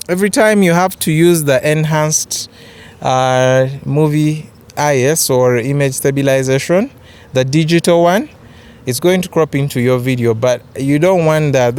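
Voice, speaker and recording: A young man with a Ugandan accent talks to his viewers in a casual review vlog. His voice is clean and smooth at a medium pitch, and he takes his time. He often hesitates and repeats a word before carrying on. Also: a little mellow. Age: young adult. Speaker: photography vlogger. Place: open grassy yard outdoors.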